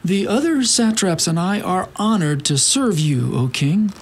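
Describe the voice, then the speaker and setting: An actor playing a sly, flattering royal official in a theatrical Bible drama. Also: male voice, high-pitched, measured pace, husky, heavily acted. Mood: fawning.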